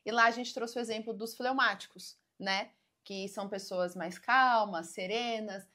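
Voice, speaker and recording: A woman's voice: medium pitch, steady tone, moderate pace, bright, forceful tone. A Brazilian woman speaking as a podcast co-host in an informal Bible discussion, explaining things conversationally.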